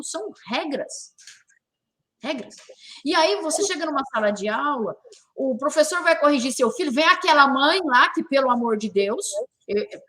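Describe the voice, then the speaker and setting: A woman's voice: high-pitched, fairly bright tone. A woman from Brazil hosting a talk show, speaking emphatically, repeating key words and firing rhetorical questions. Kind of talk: opinionated talk show discussion.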